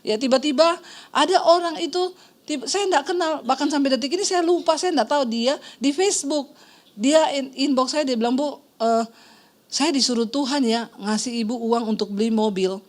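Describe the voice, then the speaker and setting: A woman's voice: high-pitched, normal speed. A middle-aged woman pastor preaching a sermon, telling a personal testimony and acting out the voices in her story. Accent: Indonesian. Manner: storytelling, acts out quoted voices, addresses congregation as "Saudara".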